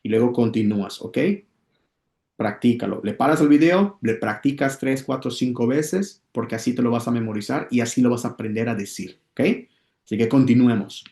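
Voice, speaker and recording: A man teaching English in a casual video lesson, often checking in with his viewers and repeating words slowly so they can practice. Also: medium pitch, warm tone, reverberant. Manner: addresses viewers as "muchachos", checks in with "ok?".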